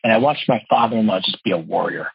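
Earnest fast-paced male interview guest, forties, slightly raspy, close dry lo-fi recording. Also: fairly low pitch, dry recording. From New Jersey. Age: 40s. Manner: earnest, fast-talking, expressive storyteller. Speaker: guest, financial wholesaler and speaker. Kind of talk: podcast interview storytelling. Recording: dull lo-fi dry podcast audio.

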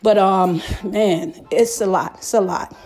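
A woman's voice: mid-range voice, unhurried, darkish tone, faint music behind. A middle-aged woman hosting a podcast, ranting emphatically in profane street slang. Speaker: podcast host.

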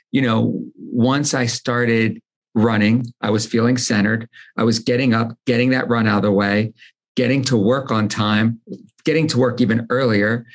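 Male guest, 40s, gravelly texture, earnest storyteller who stumbles and repeats at sentence starts. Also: medium pitch. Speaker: guest, company founder. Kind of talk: casual storytelling conversation.

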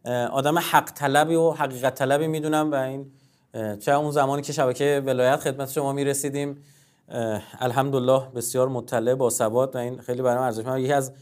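A man's voice: mid-range voice, fairly even intonation. A man as guest scholar in a discussion of religion, lecturing in a formal, emphatic way and often repeating himself.

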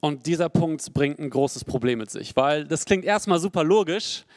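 A young adult man preaching a sermon in an earnest, personal way, rising to emphatic peaks and dropping to quiet, low passages. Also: lively intonation, moderate pace, no echo, clean studio sound.

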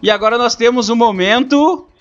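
A man's voice: extremely high pitch, normal speed. A man with a southern Brazilian accent casually hosting a football talk show. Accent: southern Brazilian, Rio Grande do Sul. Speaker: host. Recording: dull lo-fi sound, music behind.

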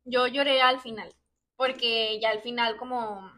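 Chatty young Mexican woman, higher voice. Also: fairly even intonation, unhurried, sharp tone. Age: young adult. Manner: chatty, full of fillers and giggles. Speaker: podcast co-host. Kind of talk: casual chat.

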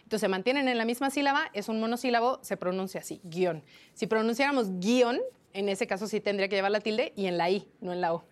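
A woman's voice: medium pitch, fast, hardly any pauses. Woman journalist explaining grammar rules. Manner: didactic, lively, many fillers. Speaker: journalist guest. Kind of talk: explanatory interview answers.

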